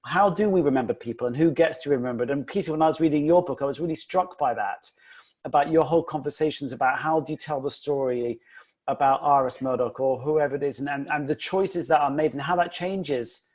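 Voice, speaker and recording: A man's voice: a little high, a little fast, a little mellow. A man, an author, talking about his family history book at a panel event in a thoughtful, conversational way with frequent fillers.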